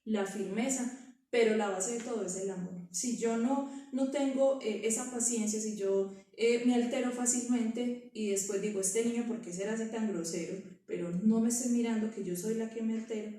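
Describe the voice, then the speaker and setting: A woman talks to parents in a conversational teaching style, tossing in rhetorical questions. Her voice is fairly high and mellow. It sounds distant, in a heavily echoing room. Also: moderate pace. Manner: conversational, asks rhetorical questions with frequent "¿cierto?". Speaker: early childhood educator. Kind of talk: parent training talk. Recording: very echoey room from far off.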